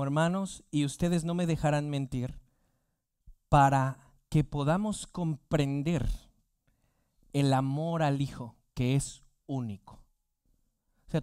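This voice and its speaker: A man's voice: on the high side, darkish tone, clean tone, dry recording, studio quality. A man preaching a sermon as pastor, asking the congregation rhetorical questions.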